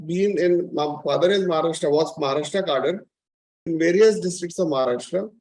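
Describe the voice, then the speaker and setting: A man's voice: fairly high pitch, a little fast, darkish tone, low-quality recording. A man from Delhi with an Indian English accent, a guest speaking modestly in a casual interview. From born in Delhi, raised all over India. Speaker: guest, community founder.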